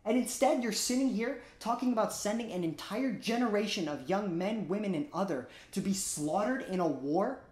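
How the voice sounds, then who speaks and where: A man's voice: high voice, expressive, moderate pace, hardly any pauses, a little mellow. A young man playing an indignant anti-war delegate in a comedy sketch, speaking in emphatic, pleading oratory. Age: young adult. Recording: roomy echo.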